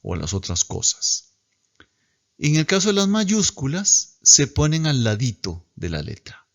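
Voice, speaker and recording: A man teaching a class in a slow, patient way, repeating words for students to copy. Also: a little high, wildly swooping pitch, vocal fry. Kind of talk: recorded lecture.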